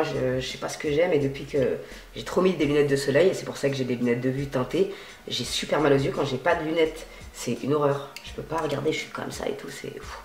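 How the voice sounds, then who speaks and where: Chatty slangy woman, roomy echo. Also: sits low. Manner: chatty and slangy, swears freely, lively swings in loudness. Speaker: beauty and fashion vlogger. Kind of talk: casual haul vlog.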